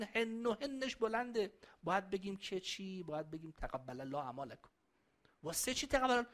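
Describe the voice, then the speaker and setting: A man's voice: sits high, a bit bright. A man giving a religious lecture to a live audience, chatting and joking with them and reciting Arabic verses.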